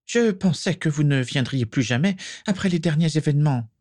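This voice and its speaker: A man doing a sorrowful old lady speaking from a magic portrait in a storybook reading. Her voice is soft, gentle and raised well above his own. The recording is close and dry. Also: a little high, expressive, moderate pace, no room sound, pitched above the performer's own voice. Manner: mournful, gentle.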